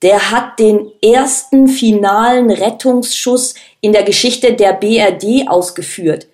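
A man's voice: high-pitched, lively intonation, normal speed. A woman voicing a bespectacled, lecturing policeman who corrects the others sharply. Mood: know-it-all. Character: bespectacled, know-it-all male cop.

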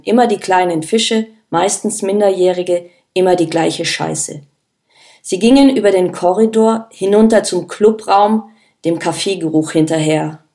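A woman reads an audiobook aloud in a steady, measured way. Her pitch sits in the ordinary middle range for a woman. The delivery stays even and composed. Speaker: audiobook narrator. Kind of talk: scripted narration.

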